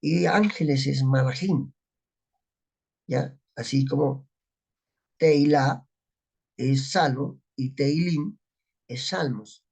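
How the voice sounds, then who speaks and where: Gravelly-voiced man teaching Bible study. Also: mid-range voice, slow, long pauses, darkish tone. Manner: explanatory, asks rhetorical questions, spells out Hebrew words.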